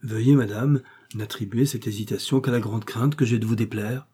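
A man voicing a witty, ironic gentleman friend who teases in a light, mocking way. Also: mid-range voice, steady tone, moderate pace, husky, close to an everyday voice. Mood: courtly. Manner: teasing, ironic.

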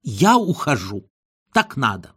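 A man reading an audiobook and voicing a cold, impatient wife who answers in curt, dismissive, flat lines. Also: medium pitch, slow pace, breathy edge, full character voice.

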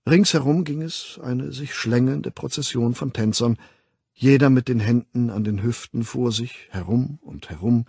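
A man narrating an audiobook in a measured, dramatic reading, recorded on a close studio mic. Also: medium pitch, gravelly, a little mellow, breathy edge, dry recording.

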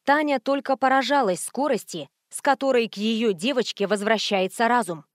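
Woman, audiobook narration, steady, even, fairly high voice, dry close sound. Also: moderate pace, no room sound. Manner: steady, even storytelling read. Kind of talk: scripted narration.

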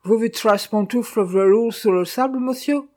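A narrator voicing a sly male servant who speaks in broken pidgin, loud and mocking. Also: medium pitch, moderate pace, pitched above the performer's own voice, lightly acted. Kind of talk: audiobook character voice.

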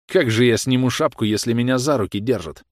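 A male reader plays a blunt young worker in an audiobook, loud and defiant. The recording is dry and close. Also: mid-range voice, a little fast, no echo, pitched above the performer's own voice, close to an everyday voice.

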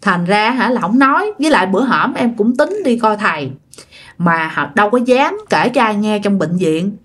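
A woman voicing a tired working wife, soft and bewildered. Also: medium pitch, expressive, moderate pace, slightly rough. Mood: weary, puzzled.

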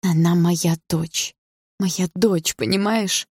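A woman's voice: on the low side, steady tone, takes it slowly, a little mellow, husky, dry recording, clean studio sound, heavily acted. A woman reading an audiobook, voicing a desperate adult mother who pleads through tears. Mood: pleading. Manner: pleading, tearful.

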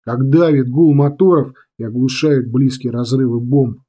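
A man reading a military adventure novel aloud as narrator, telling it dramatically and slowing on key lines. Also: medium pitch, steady tone, lo-fi sound. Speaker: audiobook narrator. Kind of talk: scripted narration.

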